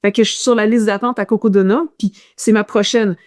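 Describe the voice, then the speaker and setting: A woman with a Quebec French accent, a runner telling a guest's stories in a casual interview, animated and full of restarts. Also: medium pitch, a little fast.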